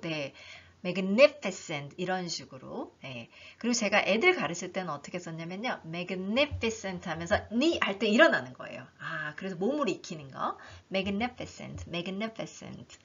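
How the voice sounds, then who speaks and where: A woman teaching an English book in a lively online lesson, reading lines aloud and explaining them, often voicing the learners' questions herself. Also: lowish voice, husky. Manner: animated, talks herself through learners' questions. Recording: dull lo-fi recording.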